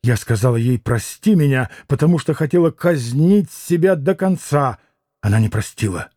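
A man's voice: mid-range voice, animated, moderate pace, warm tone, dry recording, studio quality, natural voice. A man reading as an anguished proud young woman.

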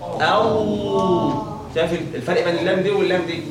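A man's voice: high voice, quick pace, a crowd in the background. A man with an Egyptian accent teaching a class on Quran recitation, quizzing his listeners and answering his own questions. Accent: Egyptian Arabic. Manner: quizzing, asks questions and answers them himself. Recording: echoey room from far off.

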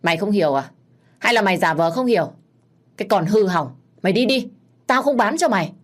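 A woman reading a story, voicing a spiteful elderly female noodle-seller who scolds in a shrill, scornful manner. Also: expressive, fairly quick, lightly acted. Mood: berating.

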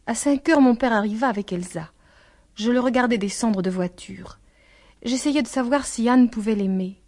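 A woman narrating a literary novel as an audiobook, with a measured, even reading. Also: on the high side.

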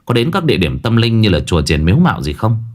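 A man's voice: lowish voice, sing-song, fast. A man voicing an earnest young male sorcerer who gets flustered.

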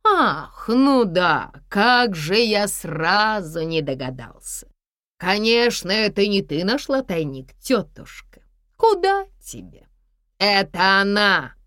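A cold, mocking older villain with a lowered, forceful voice , as a woman reads him out. He barks threats with lively swings in pitch, in a dry, close audiobook sound. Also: unhurried, no echo. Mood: menacing. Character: ruthless older man, menacing villain with a revolver.

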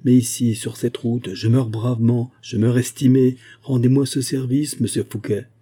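Man voicing a fierce shouting musketeer captain. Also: medium pitch, level tone, normal speed, husky, pitched above the performer's own voice, close to an everyday voice. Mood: desperate. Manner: shouting, impassioned. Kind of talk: audiobook character voice.

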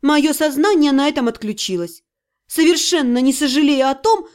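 A woman narrating a first-person fantasy audiobook in a brisk, wry storytelling voice. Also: high-pitched, darkish tone.

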